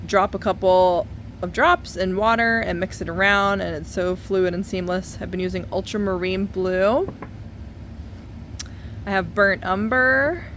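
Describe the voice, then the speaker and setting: Unhurried woman, sounding far from the mic. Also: medium pitch, a bit bright. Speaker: painter giving an art tutorial. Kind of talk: casual hands-on tutorial talk. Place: basement studio, indoors. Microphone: no external microphone, camera at a distance. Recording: far from mic, noisy basement room.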